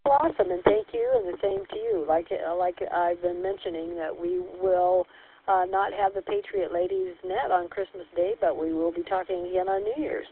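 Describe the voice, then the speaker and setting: A woman hosting a radio net check-in, heard over a two-way radio, speaking in a friendly, measured way with hesitant fillers. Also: on the low side, animated, gravelly, husky. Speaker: net control host. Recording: tinny two-way radio with faint static.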